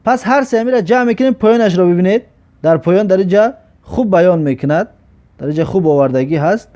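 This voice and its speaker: High-voiced Tajik man teaching letters. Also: dark tone. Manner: repeats each letter and word slowly, stretching syllables. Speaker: Arabic alphabet teacher. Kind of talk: slow drilled reading lesson. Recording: dull lo-fi recording.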